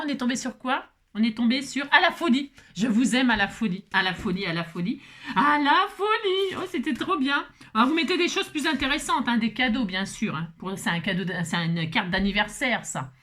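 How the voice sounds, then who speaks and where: Chatty higher-voiced woman crafting. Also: animated, quick pace, few pauses, a bit bright. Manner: chatty, peppers talk with "hein" and playful asides; jokey and self-mocking. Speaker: craft vlogger. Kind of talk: casual crafting tutorial.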